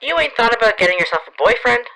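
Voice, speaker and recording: A woman acting out a flirtatious, brash middle-aged company president from a light novel audiobook. Her bright voice swings up and down as she teases and coaxes, with a radio-like filtered tone. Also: fast talker, vocal fry, full character voice, poor audio. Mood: teasing. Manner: teasing, playful, lively swings in pitch.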